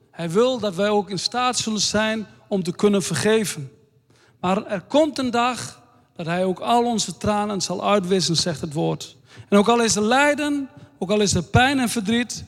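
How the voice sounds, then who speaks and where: A man preaching a sermon in a slow, earnest way, reading scripture aloud. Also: high-pitched. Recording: long hall reverb.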